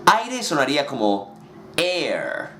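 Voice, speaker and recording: A man teaching English words, his voice set a little high and moving lively up and down as he explains. He slows right down to spell out each example phrase. The room around him gives a clear echo. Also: a little hiss or hum. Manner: slow, carefully enunciated English examples.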